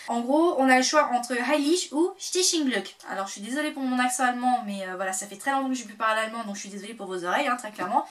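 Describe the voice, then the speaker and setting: A woman chatting casually to camera as a vlogger, full of fillers and sudden excited bursts. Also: fairly high pitch, recorded from a distance.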